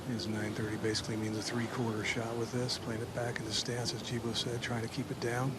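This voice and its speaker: Golf commentator, male, mid-pitched, conversational and analytical, heavy outdoor noise behind him. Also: completely flat delivery, fast talker. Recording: loud outdoor course noise. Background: loud outdoor ambience.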